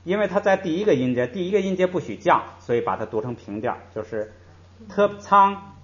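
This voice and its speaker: Speaking fast and very animated in a fairly high voice, this man teaches a language class, drawing out sample syllables and often interjecting "hey" as he moves between ideas. The recording sounds a little muffled.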